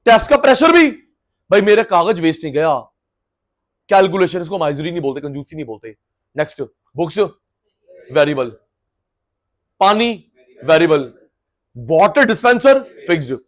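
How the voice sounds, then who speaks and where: A middle-aged man giving a lively, chatty classroom economics lecture, acting out students through everyday examples. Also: on the high side, normal speed, long pauses. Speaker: economics teacher.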